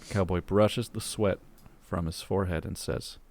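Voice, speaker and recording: A man's voice: low voice, fairly even intonation, normal speed, gravelly, darkish tone. A man on a casual podcast, reading jokes aloud to friends with laughing asides.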